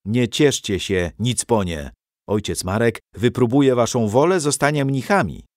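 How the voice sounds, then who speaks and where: A man's voice: medium pitch, animated, measured pace, dry recording, studio quality, lightly acted. A man reading a storybook aloud and voicing a strict male monk teacher who lectures his pupils. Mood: stern.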